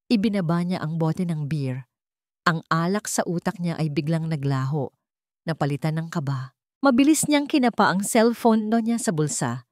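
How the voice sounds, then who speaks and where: A woman with a Filipino accent narrates a scripted dramatic story as an audiobook narrator. Her voice is on the low side and a little mellow. The recording is dry, with clean studio sound.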